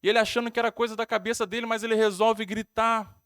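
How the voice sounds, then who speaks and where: A man's voice: high-pitched, level tone, fast talker, a bit bright, clear, resonant tone, no room sound, clean studio sound. A male pastor with a Brazilian Portuguese accent, preaching a sermon in a storytelling way, repeating phrases and adding tag questions.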